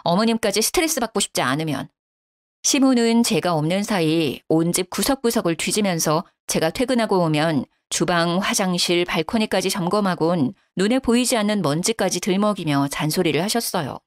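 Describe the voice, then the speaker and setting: A woman narrating a first-person story as a daughter-in-law, in a calm, low-key tone. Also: normal speed, few pauses, dry recording, studio quality.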